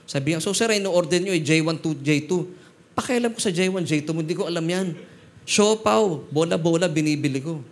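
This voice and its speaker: Guitar music plays behind a middle-aged Filipino pastor whose voice runs on the high side and brisk. Preaching in church, he trades between Tagalog and English as he tells funny stories.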